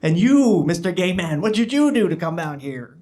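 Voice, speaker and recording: A man voicing a campy, flamboyant male devil who talks loud and sassy. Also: high-pitched, big pitch swings, moderate pace. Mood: gleeful.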